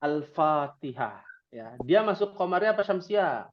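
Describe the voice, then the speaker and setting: A man's voice: a little high, lively intonation, moderate pace, highs cut off. A man teaching a Quran reading class, speaking with a light tinge and quizzing his students with playful questions. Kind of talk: interactive religious class.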